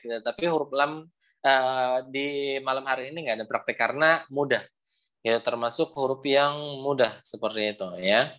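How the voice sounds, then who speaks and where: A young man leads an online recitation class over a video call. He explains each point patiently, repeats himself often and draws out sample sounds slowly so learners can copy them. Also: mid-range voice, a bit bright. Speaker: Quran recitation teacher.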